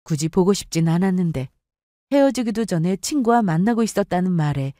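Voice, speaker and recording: A young woman calmly telling a first-person story in a matter-of-fact way. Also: lowish voice, fairly quick, dry recording, clean studio sound. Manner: calm, matter-of-fact recounting.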